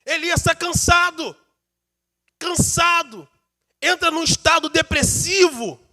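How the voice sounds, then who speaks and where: A man preaching a sermon as a pastor, swinging from hushed passages to shouted, sing-song preaching. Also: very high-pitched, takes it slowly.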